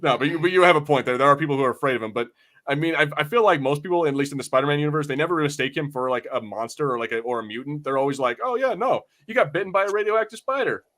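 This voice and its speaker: A man's voice: a little high, expressive, rapid-fire, a bit bright. A man co-hosting a podcast, chatting casually about pop culture in a profane, exasperated ranting manner. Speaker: podcast co-host.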